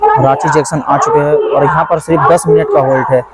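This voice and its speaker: A man's voice: fairly high pitch, fairly even intonation, brisk. A young man chatting to viewers as a travel vlogger, filming on an action camera inside a train coach and on station platforms. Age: young adult. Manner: chatty, addresses viewers as guys. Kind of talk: casual vlog narration. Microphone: action camera held close. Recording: noisy handheld train recording. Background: train and station noise.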